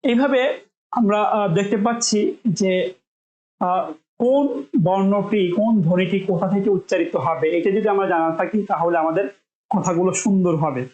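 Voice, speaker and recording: A woman from Bangladesh gives a spoken pronunciation lesson at a middle pitch. She demonstrates each sound slowly and repeats it several times for her students to copy. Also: darkish tone, roomy sound, dull audio. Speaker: English pronunciation teacher.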